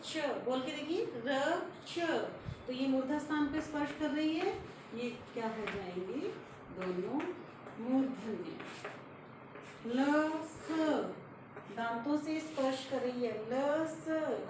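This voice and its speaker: Female teacher, high voice, slow and deliberate, repeats key terms, recorded from a distance in a roomy, echoing space. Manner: slow, repeats terms and asks questions then answers them. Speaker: Hindi grammar teacher. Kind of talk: classroom-style lesson at a board. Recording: echoey room, voice from a distance, faint noise.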